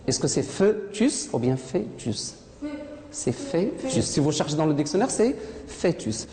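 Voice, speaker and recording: A woman's voice: low-pitched, lively intonation, moderate pace, crowd noise. A woman teaching a French lesson to a class, asking questions, repeating students' answers and correcting their pronunciation. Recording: echoey classroom with loud noise.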